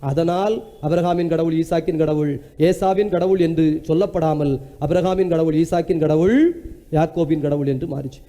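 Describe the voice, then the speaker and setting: A man preaching a sermon, asking the congregation questions and moving between soft asides and loud proclamation. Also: on the high side, steady tone, moderate pace. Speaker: priest. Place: church.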